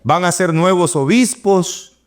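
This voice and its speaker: A middle-aged man, preaching an animated sermon and acting out the voices he quotes. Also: high-pitched, measured pace.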